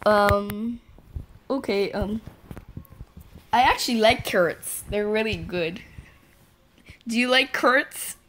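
A woman's voice: medium pitch, slow, pauses often, a bit bright, slight background noise. A woman hosting a casual, playful let's-play chat, giggling often as she talks. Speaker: gaming channel host.

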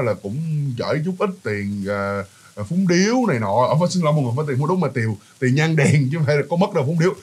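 A chatty man with a Southern Vietnamese accent tells a ghost story, talking to his listeners and looping back over words. His voice is slightly husky, on the high side, and swings lively as he rushes along. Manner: chatty, addresses listeners, many fillers and repeats. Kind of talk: casual ghost-story narration.

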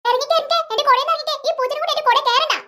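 A woman's voice: extremely high pitch, very fast, bright, forceful tone. A woman voicing a selfish, teasing cartoon big brother who grumbles and schemes. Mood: grumbling.

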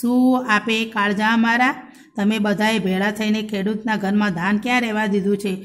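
A woman's voice: mid-range voice, steady tone, moderate pace, lightly acted. A woman voicing an outspoken male village farmer who scolds in plain rustic speech. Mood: grumbling.

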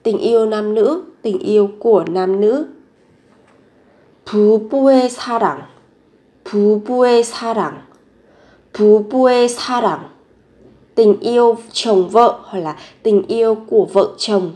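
A woman teaching a vocabulary lesson, repeating each word three times and then explaining pronunciation slowly and carefully. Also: mid-range voice, dark tone. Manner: slow, careful pronunciation drills. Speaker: Korean language teacher.

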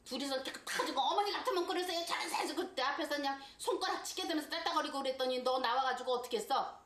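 A woman's voice: sits high, a bit bright. Scolding older woman in echoey room. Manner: scolding, rapid complaining. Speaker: mother-in-law. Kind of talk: heated family argument. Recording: echoey room with faint noise.

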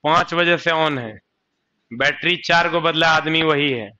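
A man's voice: on the high side, unhurried, sharp tone, lo-fi sound. A man with a Bihari accent teaching a coaching class, chatty, often asking the students questions and answering them himself. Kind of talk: classroom lecture.

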